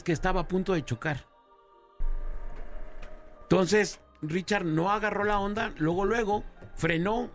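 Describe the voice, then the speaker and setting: Slangy Mexican radio host man. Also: fairly high pitch. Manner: slangy, animated narration. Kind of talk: casual storytelling. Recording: radio studio with faint music.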